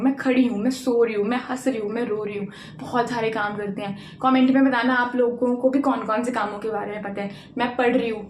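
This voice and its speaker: High-voiced woman teaching in an echoey room. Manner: drills students with repeated questions and answers. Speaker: English teacher. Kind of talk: classroom-style spoken lesson. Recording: echoey room with faint noise.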